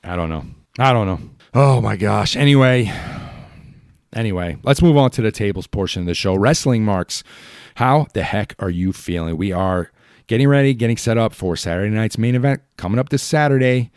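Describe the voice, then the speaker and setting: Man, podcast host, heated and exasperated rant, lowish voice, dry close sound. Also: moderate pace, clear, resonant tone, no echo.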